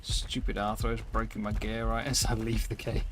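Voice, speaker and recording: A man's voice: fairly low pitch, little pitch movement, moderate pace, a little hiss or hum. A tired man streaming a survival game live, rambling through casual commentary with frequent ums and self-corrections. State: tired and yawning.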